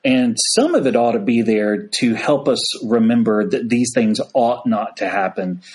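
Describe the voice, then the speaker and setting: A man's voice: mid-range voice, expressive, moderate pace, darkish tone. A man, a priest as podcast guest, telling a story in a casual folksy way. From United States. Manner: folksy storyteller, frequent "y'all".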